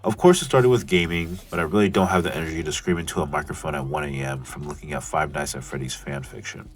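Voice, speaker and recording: A young man with a nasal voice, hosting his own channel in a casual, self-mocking scripted narration that bursts into loud rants. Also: rumbling low, fast talker, faint music behind. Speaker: YouTube channel host.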